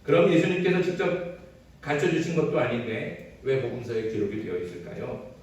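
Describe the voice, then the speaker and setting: A man's voice: medium pitch, darkish tone. A male pastor preaching an expository sermon, putting questions to the congregation and answering them himself. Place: church sanctuary. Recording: very echoey church sanctuary, distant mic.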